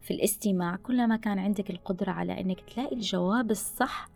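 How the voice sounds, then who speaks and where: Faint background music accompanies a woman speaking at high speed in a medium-pitched voice with a gravelly, fry-tinged edge. As a podcast guest on listening skills, she offers lively advice and slips in English phrases.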